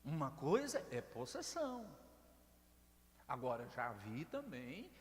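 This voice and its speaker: A man's voice: mid-range voice, wildly swooping pitch, slow pace. A man from Brazil, preaching an evangelical sermon and telling stories to his congregation, whom he calls brothers. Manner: storytelling, addresses congregation as brothers. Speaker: pastor. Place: church service hall. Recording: long church-hall reverb.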